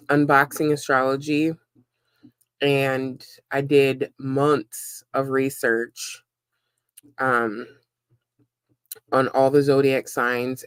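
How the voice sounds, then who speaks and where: Woman, casual live-stream chat, rambling, many fillers, smooth, dry close sound. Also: extremely low pitch, dry recording. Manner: chatty and rambling, many ums and likes. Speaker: livestreamer and web content creator.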